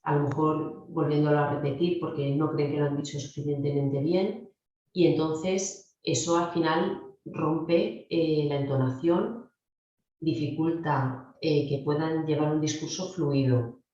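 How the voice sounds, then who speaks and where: Low mellow-voiced Spanish woman lecturing. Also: fairly even intonation, a little slow. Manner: explanatory, addresses students directly. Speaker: speech therapy lecturer. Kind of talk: recorded clinical lecture. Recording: very echoey, dull lo-fi room sound.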